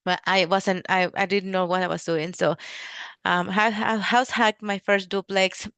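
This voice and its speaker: A middle-aged woman from Mexico hosting a casual webinar, talking in a halting way with many restarts and fillers. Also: mid-range voice, steady tone, a bit bright, clear, resonant tone, dry recording. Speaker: real estate investor hosting a webinar.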